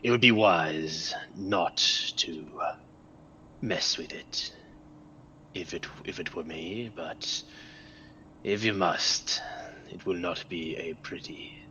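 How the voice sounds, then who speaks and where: Man doing a slow, whispery, possessed demon voice. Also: sits low, pushed and bright, highs cut off, a little hiss or hum, heavily acted. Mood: ominous warning. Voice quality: whispery, breathy. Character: ominous demonic voice from beyond the mortal plane. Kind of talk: tabletop game role-play.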